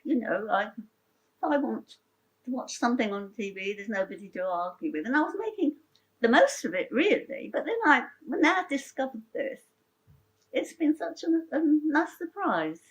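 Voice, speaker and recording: An older woman shares her life story in a heartfelt, chatty way, often stopping and starting again mid-sentence. Her voice sits high and swoops through a lively, wide range. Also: normal speed, poor audio. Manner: chatty, rambling, with frequent restarts; emotional and heartfelt. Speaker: interviewee sharing her story. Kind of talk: personal storytelling interview.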